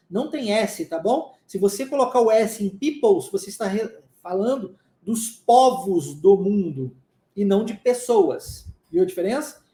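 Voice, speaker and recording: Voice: medium pitch, mellow, reverberant. A Brazilian English teacher giving a live lesson, drilling phrases by repetition and often checking that students understood.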